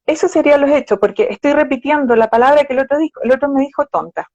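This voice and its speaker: Here a psychologist guest, a woman, delivers patient explanations in a live conversation, using examples built around quoted phrases. She talks fast in a high, darkish voice, and the live-stream recording sounds dull and dry, with no echo.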